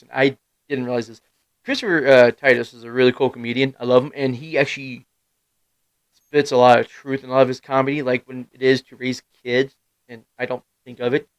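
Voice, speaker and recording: A man in his thirties hosting a live stream, rambling through casual stories in a middle-pitched voice. He swears freely, laughs at himself and breaks into loud bursts. The sound is dry and close, with no room around it. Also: dry recording, rough recording. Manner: rambling storyteller with sudden loud outbursts. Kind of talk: casual chat.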